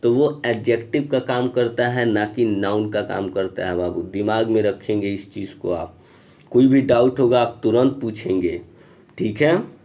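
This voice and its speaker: A male school teacher explaining English grammar in Hindi, patiently repeating points and reading English rules slowly. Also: on the low side, warm tone, dull audio. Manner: explains patiently, repeats "ठीक है" and calls students "Babu". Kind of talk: grammar lesson in Hindi over screen recording. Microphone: screen recorder mic.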